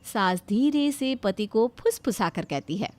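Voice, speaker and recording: Expressive high-voiced woman narrator. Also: measured pace, dry recording. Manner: expressive storyteller. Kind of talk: storytelling narration.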